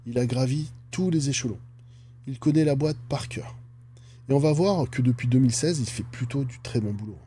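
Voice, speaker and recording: A man talks through a company's stock analysis in a casual, chatty way and keeps adding jokey asides. His voice is mellow and somewhat dark. A faint hum sits under the recording. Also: mid-range voice, moderate pace. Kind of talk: casual finance commentary.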